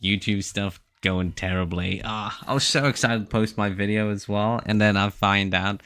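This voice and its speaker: Deep-voiced young man rambling while gaming. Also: steady tone, moderate pace, a bit bright, clear, resonant tone. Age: about 21. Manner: rambling, self-mocking, joking chatter. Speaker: gaming live-streamer. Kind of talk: casual live-stream gameplay commentary.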